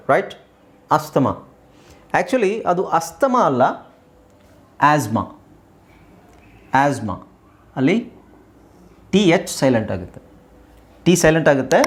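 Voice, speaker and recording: Animated teacher drilling words. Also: male voice, a little high. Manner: repeats words slowly for drilling. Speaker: English teacher. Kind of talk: pronunciation lesson.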